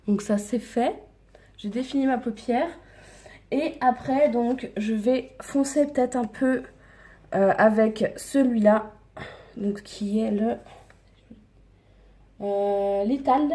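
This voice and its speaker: A woman's voice: on the high side, slow, pauses often. A woman talking casually through her morning makeup routine on camera, hesitant and full of fillers, sometimes dropping to a whisper, filmed with her phone. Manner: hesitant, many fillers, slips into soft whispers. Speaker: makeup vlogger. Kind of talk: casual makeup tutorial chat.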